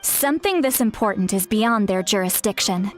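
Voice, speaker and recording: An actress playing an earnest, caring woman guide in a fantasy video game, speaking in a measured, explanatory way. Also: medium pitch, expressive, close to an everyday voice. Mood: solemn, explaining. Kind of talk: scripted video game dialogue.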